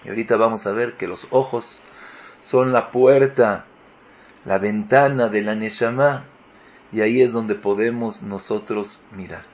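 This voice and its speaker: A man's voice: lowish voice, steady tone, a little slow, a little mellow, muffled recording. A man giving a Torah lesson as a rabbi, posing rhetorical questions and rising with emphasis. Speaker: rabbi teaching.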